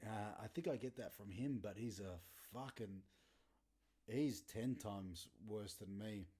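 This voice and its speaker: A man's voice: on the low side, unhurried, dark tone, slightly rough. A man in his thirties hosting a podcast, telling blunt, sweary stories casually and laughing often. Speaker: podcast host. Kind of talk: casual storytelling monologue.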